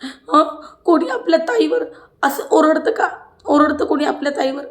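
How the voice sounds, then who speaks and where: A woman acting out a hurt older sister, pleading, raised pitch, roomy echo. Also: expressive, moderate pace. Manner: pleading, indignant, tearful. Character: hurt adult woman complaining to a younger housemate.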